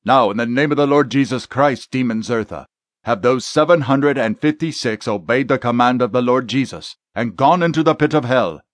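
A stern male exorcist barks forceful, insistent commands with full confidence, as an audiobook narrator plays him. His voice is pitched at a middling level. The sound is dry and close. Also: normal speed, no room sound, close to an everyday voice. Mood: commanding. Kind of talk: audiobook character voice.

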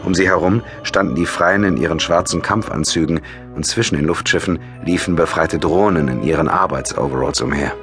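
Deep, measured man narrating a sci-fi novel. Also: over music. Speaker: audiobook narrator. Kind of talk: scripted narration.

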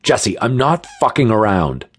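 A tough undercover cop, barking low, clipped orders through the pain of a wound. A male narrator plays him close to his own voice, deep and husky, in a dry, close read. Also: normal speed, no echo. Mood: commanding.

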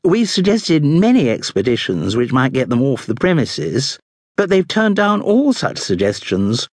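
A man voicing a clever, brisk young aristocratic woman with quick upper-class slang. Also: medium pitch, very animated, husky, dry recording, voice pushed up.

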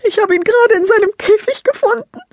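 A woman narrator voicing a young girl who is crying over her dead pet, high and tearful. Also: fast talker, no room sound.

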